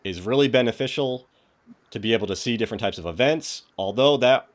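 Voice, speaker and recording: Greeting viewers by name and reading quiz questions out loud, a New England-accented man hosts a casual tech tutorial livestream on a cybersecurity lab. His voice is medium-pitched and fairly quick.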